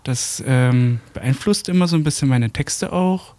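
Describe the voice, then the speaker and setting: A man's voice: medium pitch, measured pace, darkish tone, no room sound. A young man from the Karlsruhe area, a musician guest talking casually and slangily in a radio studio. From Karlsruhe area, Germany.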